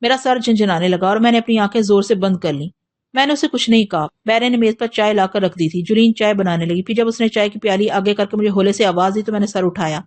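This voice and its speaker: A woman narrating a novel as an audiobook, in steady, measured storytelling. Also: medium pitch, no echo.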